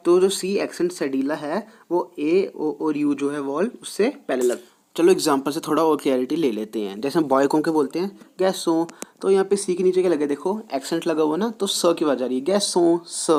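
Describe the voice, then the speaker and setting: A man teaching a French lesson online, switching between Hindi and English, reading terms slowly and explaining them quickly. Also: on the high side, a little mellow.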